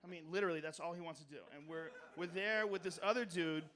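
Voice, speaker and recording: A man doing stand-up comedy on a club stage, telling a story loudly and profanely, with mumbled asides and shouted punchlines. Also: on the high side, steady tone, fast talker.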